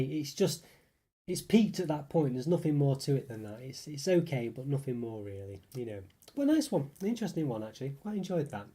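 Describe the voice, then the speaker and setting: A fairly high, mellow voice belongs to this British YouTube food reviewer, who sounds congested from a cold. Reviewing snacks on a casual live stream, he rambles and hedges, leaning heavily on fillers.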